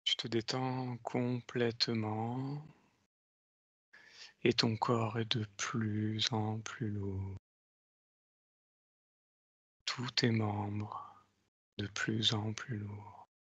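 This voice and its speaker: Slow hypnotist man, dry close sound. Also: lowish voice, level tone, a bit bright, husky, no echo, highs cut off. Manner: slow hypnotist voice, spaced-out soothing delivery. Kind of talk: slow guided hypnosis induction.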